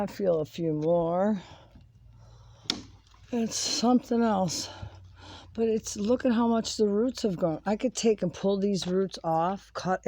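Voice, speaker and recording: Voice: medium pitch, darkish tone. A home gardening vlogger giving a casual hands-on demonstration, chatty and rambling as they work, filmed partly outdoors on a handheld phone. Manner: chatty and rambling, talks while working. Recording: noisy home video with handling clicks.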